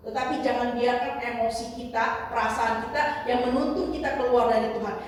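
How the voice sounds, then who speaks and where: A woman's voice: on the high side, a little hiss or hum. A woman preacher giving a fervent sermon, often firing questions at the congregation. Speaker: church preacher. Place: church hall. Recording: echoey church hall from far off.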